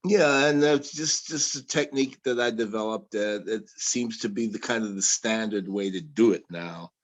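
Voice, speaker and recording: A man, a guest bladesmith, talking haltingly with restarts in a casual interview over a video call. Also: fairly low pitch. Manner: halting, with many restarts and fillers.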